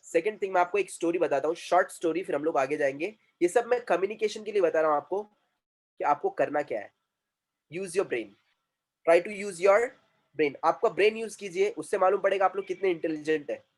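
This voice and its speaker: A man's voice: high voice, fairly quick. A male communication trainer, lecturing a class and often repeating himself and quizzing students.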